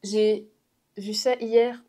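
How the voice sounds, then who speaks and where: Chatty woman vlogger with a mellow voice. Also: mid-range voice, little pitch movement, extremely slow. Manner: rambling, full of fillers and restarts; chatty, addresses viewers directly. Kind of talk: casual chat vlog.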